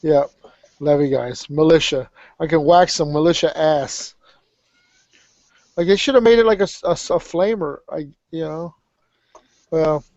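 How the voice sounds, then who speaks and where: Blunt sweary guy on a hobby webcast, voice a bit high, dry muffled sound. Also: a little slow, long pauses, a little mellow, no room sound. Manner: blunt, profane. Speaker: webcast panelist. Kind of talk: casual hobby chat about tabletop wargaming. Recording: dull, dry webcast audio.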